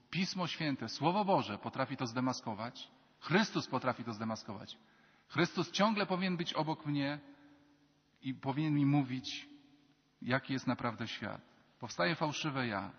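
A slightly high, husky male priest preaches with animated energy and slips into little voices for the people he quotes. His voice rings out under the long reverb of a large basilica. The sound is dull and muffled, like a lo-fi church recording. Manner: animated, acts out quoted dialogue in changing voices. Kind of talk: sermon.

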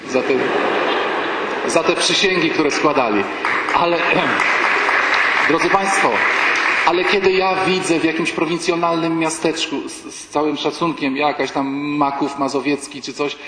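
Male priest, voice a touch high, animated storyteller who acts out the people in his anecdotes; reverberant large hall. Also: a little slow, a loud crowd, heavy background noise. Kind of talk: sermon-like talk with anecdotes. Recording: echoey hall with long reverb, faint background ambience.

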